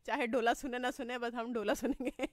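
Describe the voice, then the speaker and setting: A young woman with a sore throat hosts a morning radio show from the studio, reading listener messages chattily, laughing often and slipping into English. Her voice is on the high side with fairly even intonation and a fairly quick pace, there's no echo, and music plays underneath.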